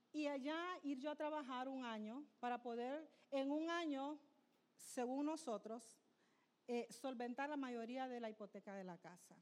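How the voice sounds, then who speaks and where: Woman, 50s, from Honduras, pastor's wife, high voice, earnest church testimony. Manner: emotional, earnest, addresses listeners as brothers.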